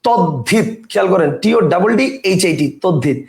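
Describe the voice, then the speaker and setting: A man teaching a grammar lesson, explaining step by step and often asking whether the point is clear. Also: high voice, animated, fairly quick, reverberant.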